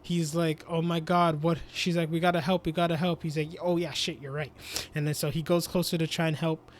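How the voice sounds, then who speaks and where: A man's voice: on the high side, flat delivery, a little fast, a little hiss or hum. A young man hosting a casual podcast, rambling through a recap with lots of "like" and "basically". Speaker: podcast host. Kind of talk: casual chat.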